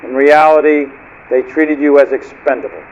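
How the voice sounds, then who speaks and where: An actor playing a cold, menacing male rogue submarine commander who speaks in a measured, declamatory way over marine radio. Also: a little high, steady tone, slight background noise, low-quality recording.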